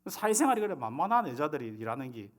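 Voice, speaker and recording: A man's voice: a little high, very animated, very fast. A male pastor with a Gyeongsang accent preaching a humorous, conversational sermon. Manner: humorous, conversational, acting out scenes.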